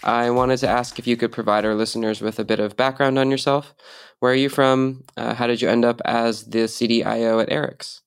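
A man's voice: medium pitch, fairly even intonation, fairly quick, creaky, smooth, soft background music. A man hosting a podcast interview, asking friendly, curious questions. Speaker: podcast host.

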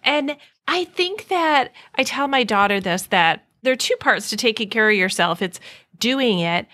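A bright, clear-voiced woman in her forties hosts a conversational interview. She sits a little above the usual pitch and talks in an upbeat, candid way, breaking into laughter often. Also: lively intonation, normal speed. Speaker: podcast host.

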